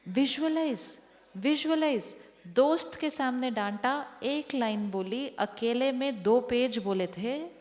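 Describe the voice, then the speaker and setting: A woman's voice: sits high, slow pace, a little mellow. A woman giving a spiritual discourse to an audience as a teacher, repeating rhetorical questions to them. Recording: long hall reverb.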